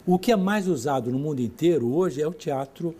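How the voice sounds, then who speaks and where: A theatre director, telling stories in an interview and acting out the voices of the people in them. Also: male voice, on the high side, fairly quick. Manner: lively, acts out the voices of people in his stories, laughs mid-sentence. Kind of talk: storytelling in an interview.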